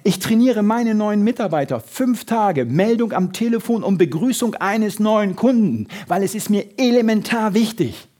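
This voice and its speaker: A man giving a motivational sales seminar, lively and full of emphasis, acting out little everyday scenes. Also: sits high, moderate pace, hardly any pauses. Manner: lively, shifts loud and soft for emphasis, acts out little scenes. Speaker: sales trainer.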